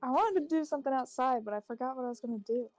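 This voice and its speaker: A woman's voice: high voice, racing, a little mellow, no echo, faint music behind. A woman playing in a tabletop game, giggling, rambling and making fun of herself. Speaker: player. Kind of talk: casual tabletop game chat.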